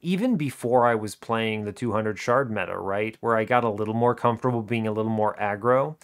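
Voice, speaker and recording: A video game streamer and series host with a lowish voice speaks a little fast, giving casual, explanatory commentary on a game. His informal style comes in animated bursts, and he keeps checking in with the listener through rhetorical "right?" and "okay?".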